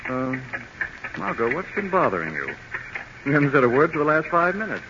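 Smooth, evasive gentleman: lively pitch, light protesting tone, hissy vintage broadcast. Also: a little fast. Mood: reassuring. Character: suave wealthy young man, teasing, evasive. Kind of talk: 1940s radio acting. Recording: noisy dull old radio broadcast.

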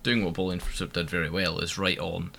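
A man co-hosting a casual music review podcast, animated and opinionated, often restarting his sentences. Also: low-pitched, a little fast, creaky, a little hiss or hum. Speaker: podcast co-host.

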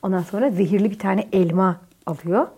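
A young woman co-hosting a podcast, retelling a fairy tale in casual chat with animated storytelling and frequent laughter. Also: medium pitch, fairly quick, breathy edge. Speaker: podcast co-host.

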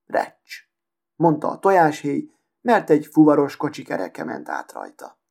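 A man's voice: fairly high pitch, huge pitch swings, gravelly, a little mellow. Man reading a fairy tale. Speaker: storyteller.

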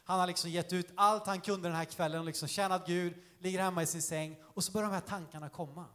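A high-voiced male preacher delivering a lively sermon in a church hall. He talks conversationally, full of fillers, and acts out his points with sudden shouts and sound effects. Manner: animated, demonstrative, conversational with many fillers.

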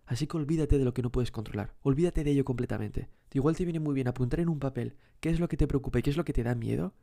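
Gravelly man hosting a self-help podcast. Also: mid-range voice, fast, dark tone. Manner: addresses the listener directly with many rhetorical questions; repeats key words for emphasis. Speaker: podcast host.

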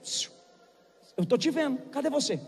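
A man preaching a revival sermon, shouting impassioned altar calls in a large church. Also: extremely high pitch, lively intonation, normal speed. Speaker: pastor. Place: large church with galleries, live congregation. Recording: live church recording with long reverb and music.

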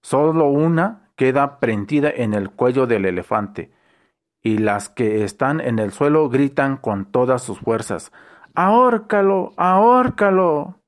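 A man reading short jokes aloud as an unhurried storyteller who briefly voices the punchlines. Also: medium pitch, a little mellow. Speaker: joke reader.

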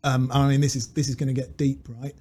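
A man co-hosting a podcast speaks fast in a mid-range, slightly mellow voice with a completely flat delivery. He's reflective and tells stories, laughs easily, and reads quotes during casual chat into a studio mic with a pop filter.

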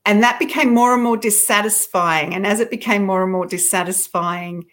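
A woman's voice: medium pitch, moderate pace, fairly bright tone. A middle-aged woman author, a guest in an interview, talking reflectively and self-deprecatingly about her writing, with frequent restarts.

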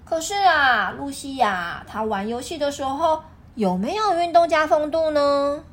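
A high-voiced woman reads aloud to a toddler with big, swooping intonation. She explains things simply, in a teacherly way, and keeps asking the child questions. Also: unhurried. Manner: expressive, questioning, teacherly way of talking to a small child. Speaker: parent reading a picture book with a child.

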